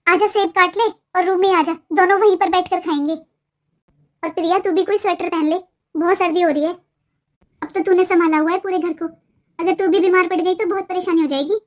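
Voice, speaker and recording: A patient young cartoon mother who talks things through calmly and gently. Her voice is pitched extremely high, in the style of animated family stories. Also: a little fast. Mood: caring. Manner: calm, reasoning, gently scolding. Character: elder daughter-in-law, patient young mother. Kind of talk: cartoon voice acting.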